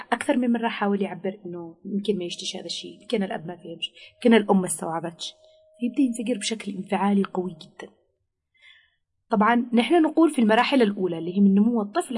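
A woman speaks at a brisk, rapid clip. Her voice is husky and slightly breathy. She explains patiently, like a parenting specialist in an interview, and sometimes acts out the words a parent might say to a child. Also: a little high, a little mellow.

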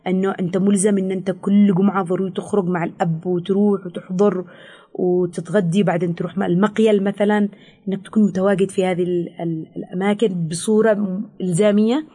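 Yemeni-accented woman, counselor, explaining rapidly, hesitant fillers, very quick delivery. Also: mid-range voice, steady tone, dark tone, breathy edge. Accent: Yemeni Arabic. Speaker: teen counselor. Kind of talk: expert interview answers.

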